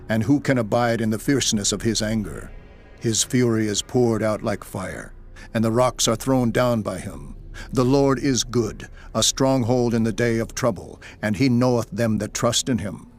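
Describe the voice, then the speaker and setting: A man's voice: medium pitch, moderate pace. A man giving a dramatized scripture narration in a solemn, declamatory way. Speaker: Bible narrator. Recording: music behind the voice. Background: background music.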